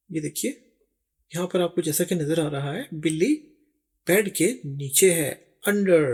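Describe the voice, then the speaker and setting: Guy teaching english, talks real slow and a bit husky. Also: high voice, darkish tone. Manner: slow, deliberate, explains step by step and repeats English words. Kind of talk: spoken language lesson over picture slides.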